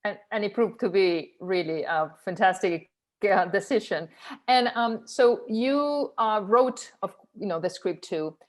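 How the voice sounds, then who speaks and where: A woman's voice: medium pitch, measured pace. A woman who programs for a film festival, moderating a Q&A over a video call. She speaks hesitantly, with many ums and uhs. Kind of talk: festival Q&A conversation.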